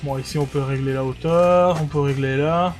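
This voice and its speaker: A man's voice: fairly high pitch, fairly even intonation, normal speed, faint music behind. Hesitant man reviewing gear. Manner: hesitant, many fillers and restarts. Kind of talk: casual product review.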